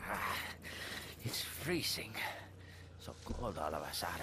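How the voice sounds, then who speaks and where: A gruff grumbling village cop. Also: male voice, sits low, lively intonation, slow pace, noisy background. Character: gruff rural male policeman, grumbling. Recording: game audio with loud music behind.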